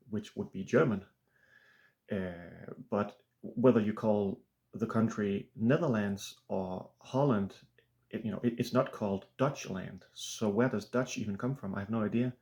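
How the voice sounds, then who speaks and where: Danish-accented male author, flat throaty voice on the low side, halting unscripted chat. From Denmark. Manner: halting, many restarts and fillers. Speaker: author and channel host. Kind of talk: casual unscripted monologue.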